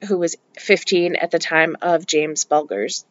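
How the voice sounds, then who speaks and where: Casual true-crime host, woman, unhurried and opinionated, dry lo-fi home recording. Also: deep voice, a bit bright, no echo. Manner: opinionated, chatty, frequent ums and likes. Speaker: podcast host.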